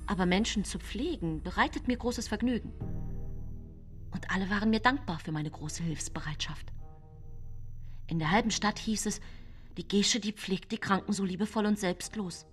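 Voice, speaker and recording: In a radio drama monologue, an actress portrays a widowed, haunted woman accused of poisoning. Her medium-pitched, lightly acted delivery is deliberate and confiding, sometimes dropping to a whisper, and she comes across as calculating and endlessly justifying herself.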